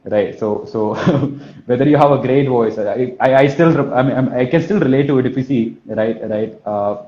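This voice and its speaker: In a dark, mid-range voice at normal speed, a man from Kerala with a Malayali Indian English accent coaches informally like a telesales trainer. He repeats for emphasis and keeps asking "right?" and "you know what I mean?" The sound is muffled and dull in an echoey room.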